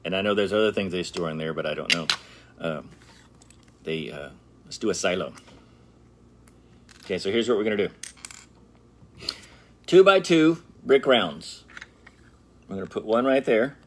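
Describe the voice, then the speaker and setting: The host of a brick-building channel, a middle-aged man, has a low voice with lively intonation at normal speed, long pauses, and slight background noise. He keeps things playful in his casual tutorial, talking straight to viewers and humming and joking while he works.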